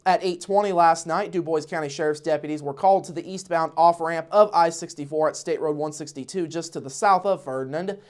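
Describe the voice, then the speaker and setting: A woman's voice: deep voice, fairly quick, few pauses, darkish tone. A woman with an American accent reading scripted local news in a formal news anchor delivery.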